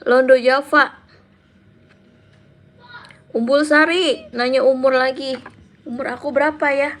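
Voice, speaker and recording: High-voiced woman chatting to viewers. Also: fairly even intonation, unhurried. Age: 30s. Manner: chatty, reads out viewer names and answers them. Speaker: live stream host. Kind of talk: casual live stream chat reading viewer comments.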